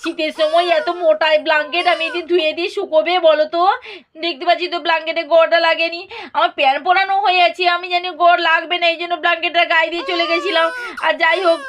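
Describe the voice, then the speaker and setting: Woman voicing a doting mother doll, bright and fast. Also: extremely high pitch, little pitch movement. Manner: quick, fussing baby talk. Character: busy young mother doll, doting and harried. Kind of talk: doll play voice-over.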